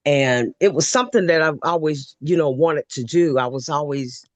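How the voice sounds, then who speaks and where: Low-voiced and moderately paced, a woman from Ohio chats at length as a webinar participant on a video call. Her casual storytelling rambles, with many fillers, and the recording is dry.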